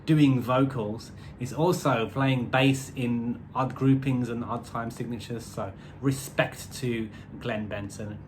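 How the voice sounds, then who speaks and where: A man with a mid-range voice gives a casual, rambling album review full of wry asides. He uses musician's terms like semiquavers and odd time signatures. There is slight background noise.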